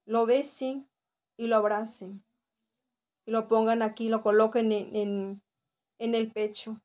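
A woman's voice: on the high side, flat delivery, takes it slowly, darkish tone. A woman with a Mexican accent giving an earnest religious testimony, repeating phrases for emphasis and often adding tag questions. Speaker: church member giving testimony.

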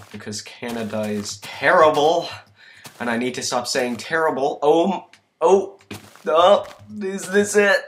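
A teenage boy from the United States, tired and sick, rambling through self-mocking gameplay commentary with sudden loud outbursts. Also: medium pitch. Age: teens. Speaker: let's play gamer. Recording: noisy home recording.

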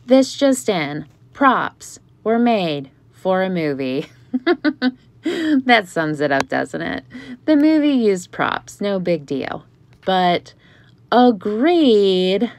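A woman's voice: on the low side, no echo. Chatty woman reading posts aloud. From Pittsburgh area, USA. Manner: chatty, animated asides between readings. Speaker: Beanie Baby collector and video host.

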